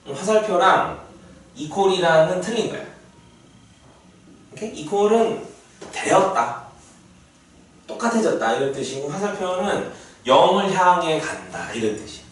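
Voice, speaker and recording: A man's voice: high-pitched, moderate pace, pauses often. A man teaching a math lesson to a class, often checking that students follow. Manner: lively, asks students frequent check-in questions. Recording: echoey classroom from far off, faint noise.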